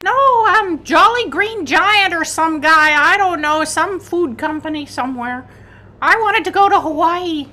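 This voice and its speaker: A woman puts on a carefree, shameless puppet mother. The voice is extremely high and sharply bright, with a blithe, unashamed way of talking in improv comedy. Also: expressive, a little slow, exaggerated voice. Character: brazen, carefree Brussels sprout mother puppet.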